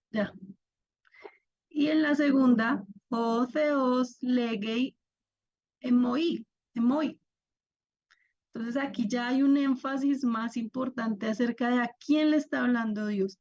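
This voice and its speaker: Woman, young adult, online class teacher, patient explainer, fairly high voice, dull lo-fi audio. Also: a little slow, a little mellow. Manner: patient, explains step by step, asks students to react.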